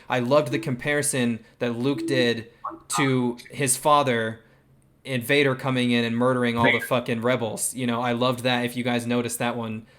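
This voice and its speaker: A man in a mid-pitched, ordinary voice hosting a live talk stream. He gets excitable and swears freely as he rushes through his praise. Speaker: stream host. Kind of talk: casual chat.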